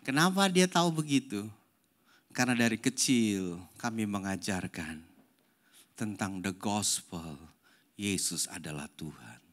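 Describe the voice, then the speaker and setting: An older man, a pastor, preaching a sermon and telling a family story, swinging between loud emphatic lines and hushed, soft passages. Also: fairly low pitch, lively intonation, unhurried.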